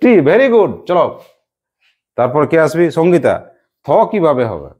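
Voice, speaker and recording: A man's voice: fairly high pitch, very animated, a little slow, a little mellow. A male teacher runs a classroom lesson, calling pupils by name and praising each answer. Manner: encouraging, quizzing pupils by name.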